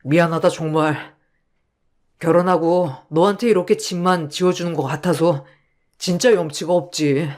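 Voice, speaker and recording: A woman voicing a weary husband in a radio drama, talking gently and apologetically. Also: on the low side, steady tone, moderate pace, natural voice. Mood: apologetic.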